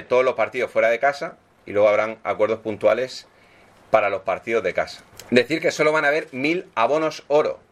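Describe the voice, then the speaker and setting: A man's voice: mid-range voice, a bit bright. A man speaking as a football club executive at a press conference, explaining deals and signings and ending his points with tag questions.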